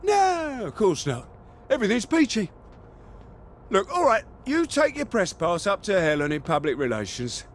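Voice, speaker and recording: A man's voice: high voice, huge pitch swings, moderate pace, slight background noise. An actor playing a flustered, evasive British man guarding a laboratory in a video game, wordy, hesitant and falsely breezy. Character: flustered, evasive, officious male laboratory gatekeeper. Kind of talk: video game character dialogue.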